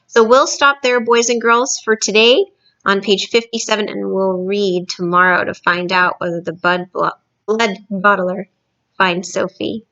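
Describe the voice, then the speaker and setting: A woman reading a storybook aloud to children, pausing to explain the pictures. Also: medium pitch, fairly even intonation, bright, forceful tone, muffled recording.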